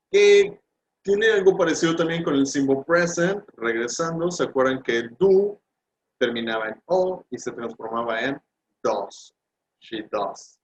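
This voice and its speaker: Slow patient man teaching grammar. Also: mid-range voice, dull audio. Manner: patient, drawn-out examples, rising on English words. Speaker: English teacher. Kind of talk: explaining grammar in Spanish.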